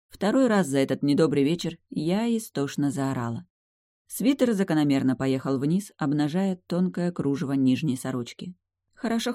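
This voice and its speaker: A woman narrating a first-person fantasy audiobook in a lively, expressive way. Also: sits low, dry recording, clean studio sound.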